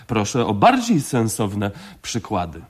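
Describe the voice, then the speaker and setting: A fussy committee chairman holds the floor in a satirical radio sketch, voiced by a man. He speaks loudly in pompous bureaucratic phrases, with a lively, swooping delivery. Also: lowish voice, unhurried, slightly rough, heavily acted. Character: fussy officious male meeting chairman.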